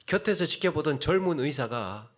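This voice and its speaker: A middle-aged man preaching a sermon as a pastor, telling a story with sudden hushed drops and sharp rises for emphasis. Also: a little high, animated, moderate pace.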